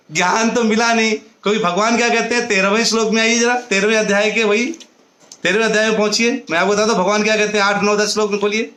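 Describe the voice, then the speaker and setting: A man giving a devotional discourse in a high, bright voice, moving between storytelling and chanted verses. The room is echoey. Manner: tells parables and chants mantras, with a light laugh. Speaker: preacher.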